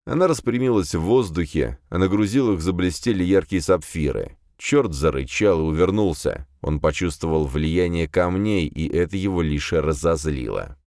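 A man narrating a first-person fantasy audiobook in a steady, measured way. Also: low-pitched, no room sound, clean studio sound.

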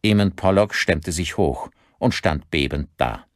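A man narrating a thriller audiobook in a measured, expressive storytelling manner, recorded close in a studio. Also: sits low, no echo.

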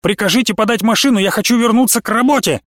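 A man voicing a touchy, indignant middle-aged male professor who is shrill and quick to snap. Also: no room sound, studio quality, lightly acted.

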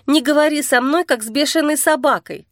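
A woman's voice: fairly quick, dry recording, studio quality. A woman reading an audiobook and voicing a frightened, stubborn young woman who pleads urgently to escape. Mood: anxious. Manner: urgent, pleading, rises high when upset.

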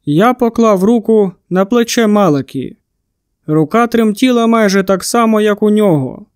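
High, clear male audiobook narrator. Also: normal speed, darkish tone, dry recording, studio quality. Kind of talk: first-person storybook narration.

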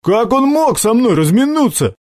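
A man voicing a hot-headed young henchman who whines and yells in an audiobook. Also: extremely high pitch, big pitch swings, moderate pace, no room sound, clean studio sound, voice pushed up. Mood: angry. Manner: whining, shouting threats.

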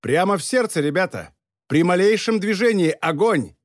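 A fierce, gloating police chief shouts his orders in a raised, hard voice, played by a man reading a storybook. The sound is close and dry, with no room around it. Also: sits high, lively intonation, normal speed, dry recording, voice pushed up. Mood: furious, commanding. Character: shouting triumphant male police chief, vengeful.

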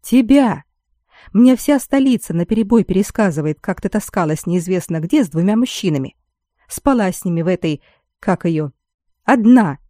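A woman reader voicing a shrill, scolding older noblewoman who shrieks her insults. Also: expressive, moderate pace, warm tone, dry recording, clean studio sound, lightly acted.

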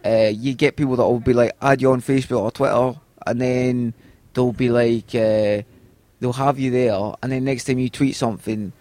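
A man's voice: mid-range voice, steady tone, moderate pace, a little mellow, no echo. A Scottish man, a comedian guest, chatting casually and rambling, often calling people "man" and "mate". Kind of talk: casual chat.

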